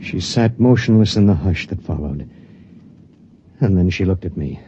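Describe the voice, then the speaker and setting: An actor playing a lonely spaceship pilot who narrates in a grave, measured way in a 1950s radio drama. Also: male voice, sits low, expressive, noisy background. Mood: grim. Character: lonely male spaceship pilot, grim and weary. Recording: dull lo-fi vintage radio.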